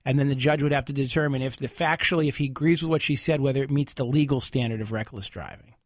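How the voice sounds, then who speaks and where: A man's voice: medium pitch, fast talker, no echo. Chatty male radio host, dry studio sound. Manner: explains legal points in a chatty, loose way. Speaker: radio show host, lawyer. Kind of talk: casual call-in talk radio.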